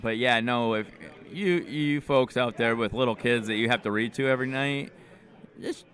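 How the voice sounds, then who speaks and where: A man's voice: medium pitch, moderate pace, fairly bright tone. Man joking and teasing in chat. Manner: joking, teasing, egging others on. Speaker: livestream co-host. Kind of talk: casual chat.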